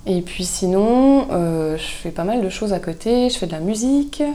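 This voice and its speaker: A woman, a guest chatting casually in an interview, relaxed and thoughtful with frequent hesitations. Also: mid-range voice, normal speed, background noise. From Switzerland. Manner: relaxed, thoughtful, many hesitations, laughs easily. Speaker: guest, soap maker.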